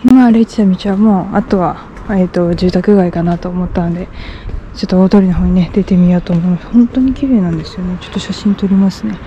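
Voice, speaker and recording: A woman's voice: lowish voice, fast talker, dull audio. Woman murmuring while walking busy streets. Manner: muttering to herself, hushed near passers-by, many fillers. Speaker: walking vlogger. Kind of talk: solo walking commentary. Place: outdoors on city streets. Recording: street noise behind.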